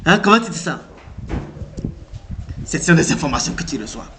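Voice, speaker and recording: A man with an African French accent giving an animated motivational talk, repeating himself and firing rhetorical questions at the listener. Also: fairly high pitch, normal speed, slight background noise. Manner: animated, repetitive, rhetorical questions, acts out reactions. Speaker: motivational speaker.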